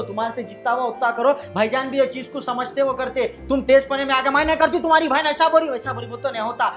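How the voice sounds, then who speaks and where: A man's voice: very high voice, fairly bright tone. A man playing a son who lectures his mother and in-laws in a comic family skit. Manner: fast, preachy, lecturing. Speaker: son and peacemaker in a family sketch.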